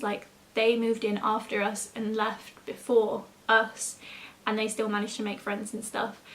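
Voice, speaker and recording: A young adult woman, telling a story in a casual, rambling, informal vlog style with frequent asides. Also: a little high. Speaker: YouTuber.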